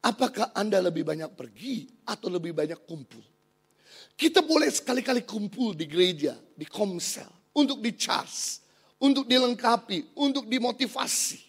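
A middle-aged man from Indonesia preaching a sermon as pastor. He moves from a hushed storytelling voice to loud, emphatic preaching. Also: high voice, big pitch swings, normal speed, slightly rough.

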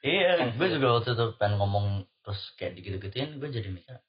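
A man's voice: medium pitch, animated, quick pace. Slangy young man in casual chat. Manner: slangy, laughs often. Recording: dull lo-fi recording.

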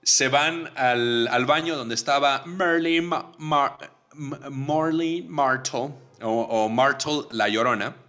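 A man with a Mexican Spanish accent co-hosting a podcast. He rambles through a casual film recap, full of hesitations and quick acted-out quotes. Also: medium pitch, sharp tone. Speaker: podcast co-host. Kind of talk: casual movie recap chat.

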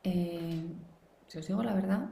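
A woman's voice: fairly low pitch, measured pace, creaky, mellow, roomy sound. A woman teaching a live online parenting class, explaining and acting out quoted voices. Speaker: parenting educator.

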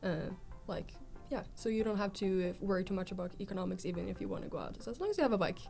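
A woman's voice: medium pitch, expressive, very fast, creaky, a little mellow, soft background music. A young woman from southern Sweden, a student chatting cheerfully in an interview. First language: Swedish. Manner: cheerful, laughs often. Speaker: master's student. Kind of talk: interview conversation.

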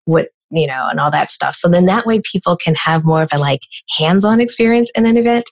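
An American woman answering interview questions as a business coach, explaining in a brisk way with lots of rhetorical questions. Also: lowish voice, lively intonation. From United States.

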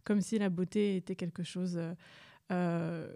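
A young adult woman from Rwanda, a museum staff member, answers interview questions about her museum work, hesitating with frequent fillers and restarts. Her voice is on the low side, creaky and warm, a little slow with fairly even intonation. The sound is clean studio audio with no room sound.

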